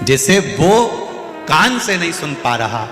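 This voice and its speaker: A man giving an animated, humorous devotional sermon to a large gathering. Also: fairly high pitch, slow. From Sehore, central India. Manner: lively, animated, humorous storytelling. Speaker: kathavachak. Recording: echoey hall with faint music.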